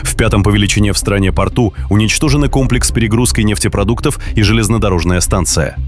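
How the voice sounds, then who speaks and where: A man reads the news in an even, formal tone. His voice is fairly low. A clear music bed runs behind. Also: fast talker. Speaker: newsreader. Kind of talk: scripted news reading.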